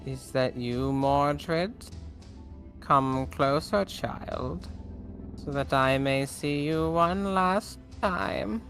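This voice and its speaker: Woman voicing a dying old mentor, slow and solemn. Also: low-pitched, fairly bright tone, soft background music, full character voice. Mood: solemn farewell. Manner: slow, drawn-out, solemn delivery.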